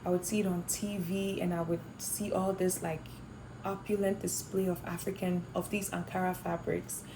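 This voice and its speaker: A woman's voice: fairly low pitch, little pitch movement, moderate pace, background noise. A young woman from Ghana, a fashion design student, answering interview questions thoughtfully with some fillers and restarts. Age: young adult.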